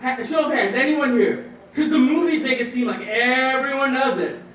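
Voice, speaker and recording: A young man doing a stand-up set on stage, rambling and stammering with sudden shouted outbursts. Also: very high voice, moderate pace. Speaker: stand-up comedian. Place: comedy stage in front of a live audience. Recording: echoey room, mic heard from a distance.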